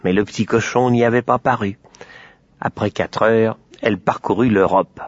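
A man reading a children's tale aloud, lively with playful asides. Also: on the low side, moderate pace, no room sound. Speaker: storyteller. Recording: dry, slightly dull lo-fi recording.

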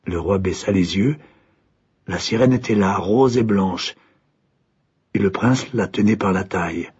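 A man narrating a fairy tale with expressive, dramatic pacing and a husky voice. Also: on the low side, measured pace, highs cut off. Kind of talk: storybook narration.

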